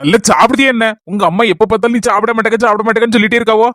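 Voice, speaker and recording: A man's voice: high voice, fairly even intonation, very noisy, lightly acted. A man with a Kanyakumari Tamil accent playing a talkative, aggrieved husband in a comedy skit, complaining about his family. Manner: rapid, complaining rant.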